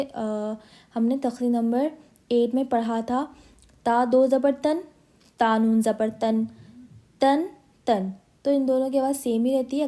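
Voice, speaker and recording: A woman's voice: a little high, warm tone. A woman with an Indian accent teaching Quran recitation, patiently sounding out syllable after syllable for her students to copy. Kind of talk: slow drilling lesson.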